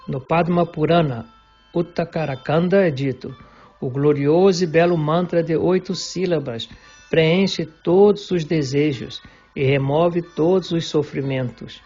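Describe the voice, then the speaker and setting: A man reads a devotional text aloud in a slow, measured way. His somewhat raised voice has a husky edge. The recording sounds dull and lo-fi, with faint music underneath. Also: on the high side, darkish tone. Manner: measured, deliberate reading. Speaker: reader of a devotional book. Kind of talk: slow scripted reading of a religious text.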